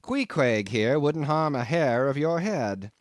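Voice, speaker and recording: A man's voice: medium pitch, animated, takes it slowly, no room sound. A man playing an easygoing, amused innkeeper in a storybook, talking in a folksy, reassuring way. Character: amused easygoing male innkeeper in whaling town.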